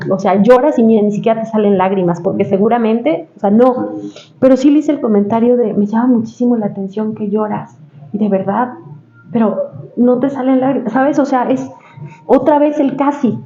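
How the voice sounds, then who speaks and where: A woman's voice: a little high, normal speed, warm tone. A woman, a therapist guest on a podcast, recounting therapy sessions at length in a casual way with many fillers. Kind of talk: casual storytelling in a podcast interview. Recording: roomy, slightly dull podcast sound with faint ambience.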